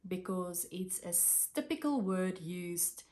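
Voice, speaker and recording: Here a South African craft vlogger, Afrikaans being her first language, chats about her craft projects to camera in a relaxed way, with frequent pauses and fillers. Her lowish voice sounds animated and warm.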